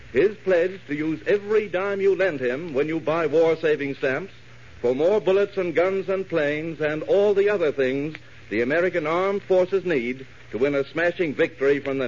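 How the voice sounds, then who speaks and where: A man announcing in an emphatic, promotional 1940s old-time radio announcer's style. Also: fairly high pitch. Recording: muffled, faintly noisy vintage radio recording.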